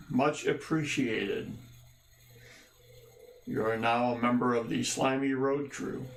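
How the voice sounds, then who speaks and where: A man's voice: mid-range voice, echoey room. A man hosting a casual livestream, greeting viewers by name with wry, rambling jokes and asides. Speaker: livestream host.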